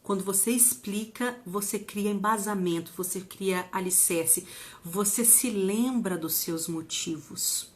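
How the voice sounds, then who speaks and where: A woman's voice: mid-range voice, unhurried. A woman giving a motivational talk, emphatic, acting out little quoted scenes with strong intonation. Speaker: motivational speaker.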